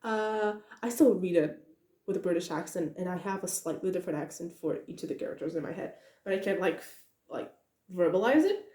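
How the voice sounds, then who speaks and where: A brisk young woman with a lowish voice rambles about a book on her podcast, the sound reverberant around her. Giggles, many "uh"s, restarts and excited tangents run through her casual monologue.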